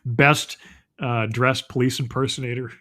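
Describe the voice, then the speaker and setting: Dude with mid pitch voice tossing out snarky jokes in a chill chat. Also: male voice, steady tone, unhurried, sharp tone. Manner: sarcastic wisecracks. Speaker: co-host. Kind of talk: casual mocking chat.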